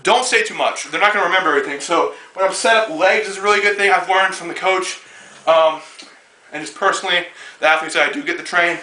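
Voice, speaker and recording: A twenty-year-old man talks through a strongman lifting demonstration in a loose, casual way, with plenty of fillers between lifts. His voice sits a bit high and sounds bright and forceful. It reaches the camera from some distance, with a roomy gym echo around it. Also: fast. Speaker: strongman athlete and coach. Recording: echoey room, voice far from mic.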